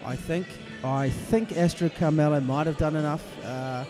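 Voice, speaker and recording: A man co-commentating a boxing bout, measured and careful in his calls. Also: a little high, music in the background. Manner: measured, hedging analysis. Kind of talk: live fight commentary.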